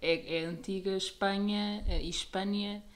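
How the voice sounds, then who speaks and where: A woman's voice: medium pitch, fairly even intonation, a little slow. A woman co-hosting a casual political chat, correcting and explaining points carefully. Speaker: podcast co-host.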